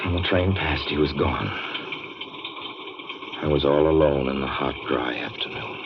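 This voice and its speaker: An actor playing a haunted, intense young man on a cross-country drive, in the style of 1940s radio suspense. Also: very deep voice. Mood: brooding, shaken. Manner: intense, halting when pleading. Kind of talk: 1940s radio acting, first-person suspense narration. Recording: noisy muffled old radio recording, vehicle noise.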